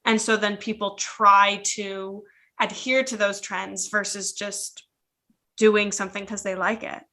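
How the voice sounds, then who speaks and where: A woman's voice: medium pitch, level tone, unhurried, bright, forceful tone. A woman hosting a casual podcast, chatty and leading segments from a script. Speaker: podcast host.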